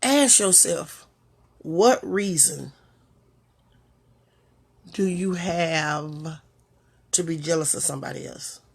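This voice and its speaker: Speaking as host of her own talk, a woman with a low-pitched, creaky, slightly rough voice offers reflective motivation at an unhurried pace with pauses. The monologue is a string of rhetorical questions aimed at the listener.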